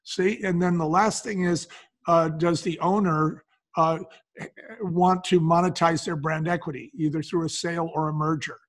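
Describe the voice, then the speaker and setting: Talking at a normal speed in a slightly high, steady voice, an older business advisor goes through his points one by one as a podcast guest. His interview manner is conversational, with colloquial asides.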